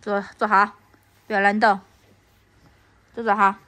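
A woman's voice: medium pitch, flat delivery, unhurried, bright, forceful tone. A woman from Anhui scolding her toddler at home, repeating baby talk. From Anhui, China.

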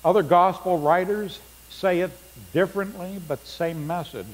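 A middle-aged male pastor with a high voice preaches a sermon in a church sanctuary, reading scripture aloud at a moderate pace with rising emphasis. Long church reverb and a faint hum fill the recording.

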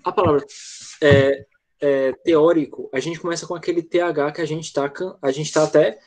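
A man's voice: fairly high pitch, steady tone, normal speed, darkish tone, slight background noise. Man teaching English online. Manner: patient, repeats "tá?" checks after each point. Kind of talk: online class, explaining pronunciation. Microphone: video call.

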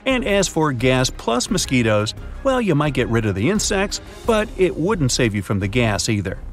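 Animated man narrating a riddle adventure. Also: mid-range voice, moderate pace, faint music behind. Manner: lively, dramatic, second-person storytelling with quiz questions. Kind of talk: scripted narration of riddle story. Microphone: studio voice-over.

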